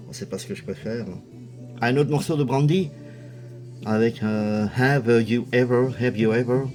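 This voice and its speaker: A man's voice: fairly low pitch, darkish tone. A man casually commenting as a video host, chatty and hesitant, with lots of fillers. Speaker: video host showing a music collection.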